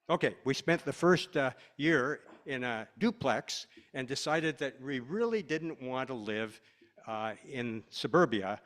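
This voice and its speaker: An older man from Washington State giving a relaxed, rambling slide lecture to a class, with many fillers. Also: mid-range voice. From Washington State, USA.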